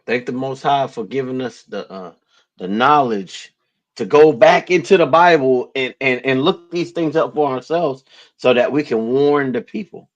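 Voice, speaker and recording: A man co-hosting a podcast in casual chat, telling stories in an animated way and laughing often. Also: medium pitch, moderate pace, lo-fi sound. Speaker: podcast co-host.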